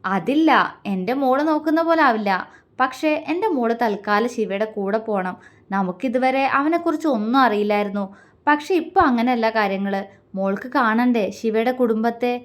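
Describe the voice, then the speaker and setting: A woman's voice: a little high, normal speed, lightly acted. A woman doing a loving old father, soothing. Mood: playful. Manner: soothing, affectionate. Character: aging father, loving and gently teasing.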